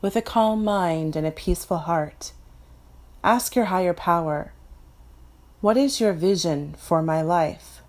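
Slow, calm woman guiding meditation. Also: fairly low pitch. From Florida. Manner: slow, soft, calm instructions. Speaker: meditation guide. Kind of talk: guided meditation.

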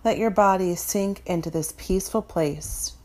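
A woman from Florida leading a guided meditation in a soft, calm, instructive way. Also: on the low side, moderate pace.

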